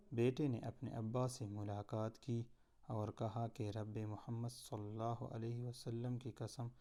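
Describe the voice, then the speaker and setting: A man tells a devotional tale in a solemn, measured manner. His voice sits low and stays fairly flat. The tone is mellow and dark. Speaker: storyteller. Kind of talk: devotional story narration.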